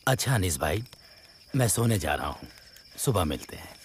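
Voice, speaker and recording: A man's voice: low voice, big pitch swings, moderate pace, a little hiss or hum. A man voicing a companion in a cartoon, who talks in a plain, explaining way.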